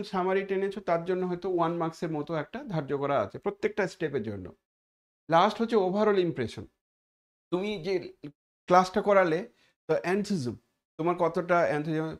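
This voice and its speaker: High-voiced male exam-prep teacher. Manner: conversational, repeats points, code-mixes English terms.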